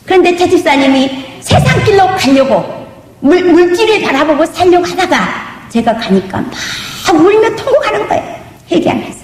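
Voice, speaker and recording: A woman pastor preaches a testimony sermon in a church sanctuary, her very high voice swinging widely in pitch at a moderate pace, with a darkish tone and slight hiss or hum. She's emphatic, calling out "do you believe?" to the congregation and drifting into a sung lilt. The hall is echoey.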